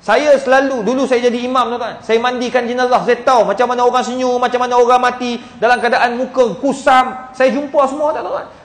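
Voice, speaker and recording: High-voiced Malaysian man preaching. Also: fairly even intonation, a little fast. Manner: addresses listeners as "tuan-tuan", acts out dialogue. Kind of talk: sermon storytelling. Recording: echoey hall.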